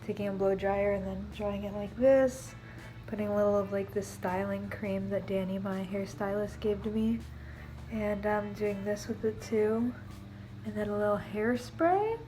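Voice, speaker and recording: Sitting in her living room, a young woman who vlogs about beauty and costumes chats to the camera with a congested, sniffly nose from allergies. Her mid-pitched voice wanders from point to point, loaded with "um" and "like," while gentle music plays softly beneath a rough recording.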